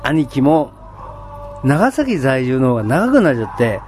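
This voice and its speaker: A man's voice: mid-range voice, sing-song, unhurried, a little mellow, soft background music. A man chatting on his own in standard Japanese, enthusiastic, with many fillers and frequent laughs. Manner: enthusiastic storytelling. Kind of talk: casual solo chat.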